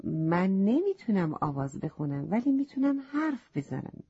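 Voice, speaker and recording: A woman's voice: mid-range voice, very animated, mellow, slightly rough, heavily acted. A woman voicing a chatty, matter-of-fact talking parrot in a children's story, on a slightly muffled recording. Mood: explaining.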